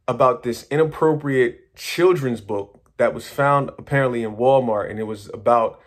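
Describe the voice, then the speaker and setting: A man talking casually to his viewers, rambling excitedly through a story with slang, swearing and many restarts. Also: mid-range voice. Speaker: manifestation coach.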